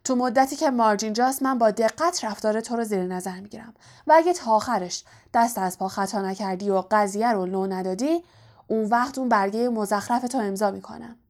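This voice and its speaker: Brief: a woman playing an angry, shouting, bullying uncle in a storybook reading, gruff and scornful. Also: mid-range voice, hardly any pauses, natural voice. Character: angry bullying middle-aged uncle, male.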